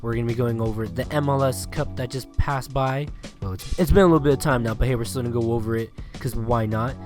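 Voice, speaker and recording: Over a remote call recording with music behind him, a man hosts a casual sports podcast in a mid-range voice at a quick pace. He rambles and laughs often, sounding stuffy-nosed and troubled by a lingering cough.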